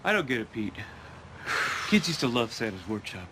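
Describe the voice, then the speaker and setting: A man's voice: medium pitch, very animated, normal speed, noisy background, natural voice. An actor playing a playful middle-aged man who runs a Santa workshop, in a film. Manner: playful, teasing. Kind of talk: film acting. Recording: film soundtrack with loud music.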